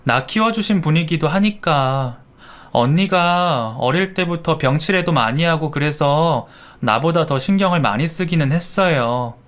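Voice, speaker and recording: A man voicing a gentle young wife in a Korean radio drama, speaking softly and politely. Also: a little high, expressive, unhurried. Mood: apologetic.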